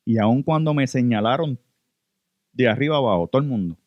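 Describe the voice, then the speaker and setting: A man's voice: medium pitch, lively intonation, brisk, dry recording, muffled recording. A man with a Puerto Rican accent preaching an earnest sermon testimony, often addressing listeners as brothers. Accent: Puerto Rican Spanish. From Puerto Rico.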